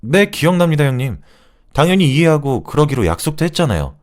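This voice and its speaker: A man voicing a polite, smooth-talking young man, the sister's boyfriend, in a radio drama. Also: fairly high pitch, very animated, brisk, voice pushed up. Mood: eager, polite.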